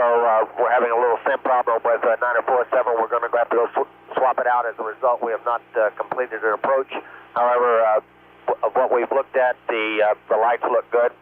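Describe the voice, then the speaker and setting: A man's voice: medium pitch, level tone, brisk. A man giving an informal pilot's status report over a two-way radio, with hesitant phrasing. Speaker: pilot giving weather and landing aid reports. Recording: tinny narrow radio link, faint hiss.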